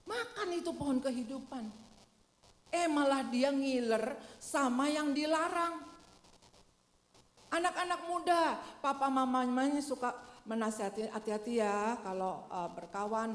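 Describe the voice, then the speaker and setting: A woman pastor giving a lively, colloquial sermon, acting out little quoted voices. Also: on the high side, a little slow. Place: large church hall. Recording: echoey church hall reverb.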